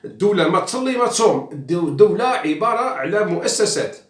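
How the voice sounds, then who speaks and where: A man's voice: high-pitched, big pitch swings, fast talker, recorded from a distance. Algerian man ranting in an echoey room. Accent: Algerian Arabic. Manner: outspoken and mocking, mixing in French, many fillers and restarts. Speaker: journalist commentator. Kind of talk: casual monologue. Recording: echoey room, away from the mic.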